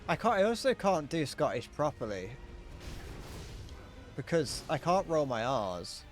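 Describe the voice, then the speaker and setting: Streaming a game with soft music in the background, a young man chats casually, rambling and self-deprecating, often leaving sentences unfinished. He sounds a little high and very animated, though he speaks a little slowly.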